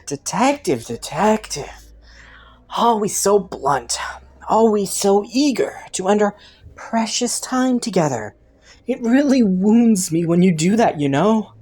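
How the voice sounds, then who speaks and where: A woman's voice: mid-range voice, expressive, dark tone. Woman acting flirty, swooping, teasing criminal Killua. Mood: mock wounded. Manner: playful, taunting, coy, drawn-out mock innocence. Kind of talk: scripted roleplay audio, intimate monologue to the listener.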